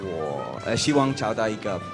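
A young man from Switzerland speaking halting Mandarin with a foreign accent, as a contestant on a studio stage. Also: fairly low pitch, very animated, long reverb tail, music in the background. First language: not Chinese. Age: young adult. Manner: halting, searching for words. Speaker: dating show contestant. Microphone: handheld.

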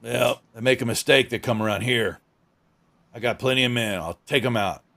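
A man voicing a blunt, defiant hunchbacked dwarfish boss in a tabletop game, with a gruff, gravelly drawl and curt sentences. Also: medium pitch, moderate pace, fairly bright tone.

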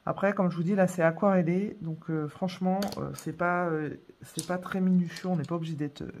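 A woman's voice: fairly low pitch, steady tone, fairly quick, a little mellow. A woman walks viewers through her coloring in an easy, conversational voice-over. She hesitates often and fills the gaps while she works. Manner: chatty, hesitant, many fillers. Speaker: coloring tutorial host. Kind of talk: casual voice-over tutorial.

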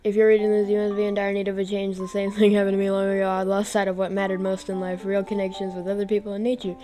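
A man's voice: high-pitched, completely flat delivery, fast talker, mellow, faint music behind, lightly acted. A young man reading as a wise old grandfather. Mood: earnest. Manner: reads dialogue aloud in a mock old-man voice.

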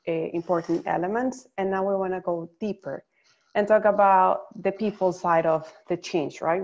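A woman from Venezuela, a psychologist, presenting slides on a webinar in a measured, explanatory way. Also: lowish voice, dull audio. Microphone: video call.

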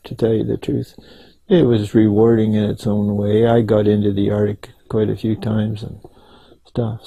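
Gravelly, dark-voiced older man. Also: lowish voice, no echo, low-quality recording. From Canada. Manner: halting, rambling storytelling with many restarts. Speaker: interviewee. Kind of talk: oral history interview.

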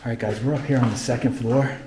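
A man hosts a casual urban exploring vlog at night inside an abandoned mausoleum, talking to viewers while filming on a handheld phone. His mid-range voice is steady and quick, and the phone recording is noisy.

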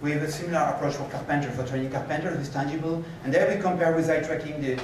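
A man giving a conference keynote and answering questions, animated and moving about the stage, recorded from a far camera in a lecture hall. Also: fairly high pitch, fast talker, slight background noise. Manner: animated, gestures while pacing the stage. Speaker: keynote speaker. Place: lecture hall with projector screens. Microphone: far room camera.

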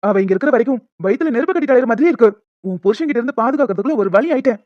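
Woman voicing calm family men in a cartoon. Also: on the high side, very fast, no echo, lightly acted. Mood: reassuring. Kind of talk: homemade animated family story. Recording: dry, dull lo-fi home mic.

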